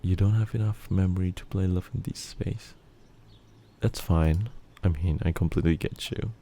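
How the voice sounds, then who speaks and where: A man's voice: deep voice, moderate pace, dark tone, slight background noise. A young man from Malaysia, reading a bedtime story ASMR-style and chatting relaxedly with viewers. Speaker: storyteller streamer.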